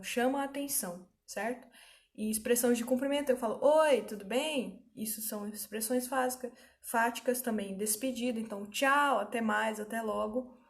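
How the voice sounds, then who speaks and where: A woman teaching an online grammar lesson, explaining patiently and often checking that students follow. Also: fairly high pitch.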